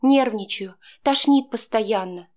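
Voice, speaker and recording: A woman's voice: fairly high pitch, takes it slowly, darkish tone. A woman voicing a frightened young woman who pleads and sobs in an audiobook. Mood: tearful pleading. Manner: pleading, sobbing.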